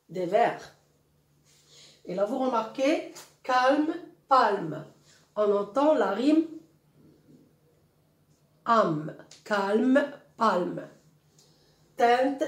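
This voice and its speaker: A woman's voice: medium pitch, a little mellow. A woman teaching a French poetry lesson, patiently explaining and asking the class questions she then answers herself. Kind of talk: slow classroom explanation of a poem. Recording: roomy, echoey room.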